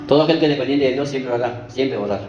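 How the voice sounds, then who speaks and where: In a church, a man with a mid-range voice races through a conversational sermon, repeatedly checking in with the congregation by asking "¿vio?" and "¿sí?". The lo-fi recording is echoey, with music behind him.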